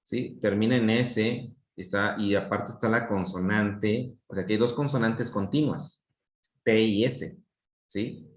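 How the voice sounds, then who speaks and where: A man's voice: on the low side, measured pace. A man with a Mexican accent teaching a Spanish grammar class, explaining patiently and checking often that students follow. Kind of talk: online class lesson. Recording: echoey room.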